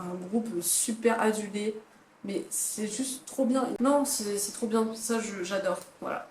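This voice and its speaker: Young woman, casual book vlogger, lively opinions, echoey room recording. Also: medium pitch, slight background noise. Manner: chatty, dramatic reactions, reads blurbs aloud. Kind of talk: casual book ranking chat. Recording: echoey room, faint ambience.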